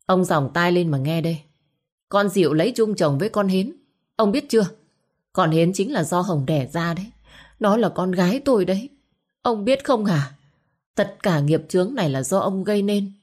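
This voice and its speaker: A woman's voice: on the low side, close to an everyday voice. A woman voicing a cold, resentful middle-aged son who scolds his sick father sharply. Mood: furious. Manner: sharp, scolding, quick retorts.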